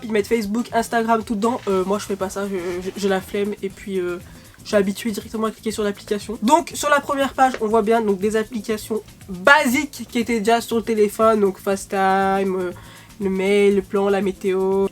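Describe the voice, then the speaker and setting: A young woman with a cold, coughing now and then, chatting casually and rambling with lots of fillers in a vlog. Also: mid-range voice. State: sick, coughing. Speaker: YouTuber.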